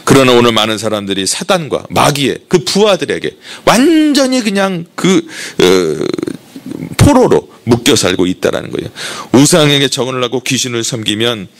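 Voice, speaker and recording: A man's voice: medium pitch, very animated, normal speed, fairly bright tone. A male pastor preaching a sermon, telling the story vividly and putting questions to the congregation.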